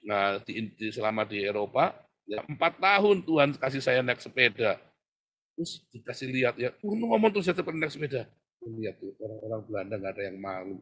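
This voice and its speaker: Seorang pria paruh baya berkhotbah kepada jemaat, berganti-ganti antara doa lirih dan seruan lantang, sering tertawa. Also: male voice, mid-range voice, brisk. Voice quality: husky. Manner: animated, swings from hushed prayer to loud exhortation; laughs often, addresses congregation as "Saudara". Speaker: preacher. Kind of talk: sermon.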